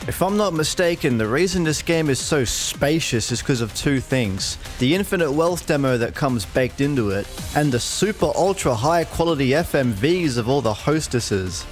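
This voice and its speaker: A man's voice: a little high, animated, moderate pace, few pauses. A young man narrating a casual scripted video game review in a slangy, profane, dryly joking way. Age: young adult. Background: faint music.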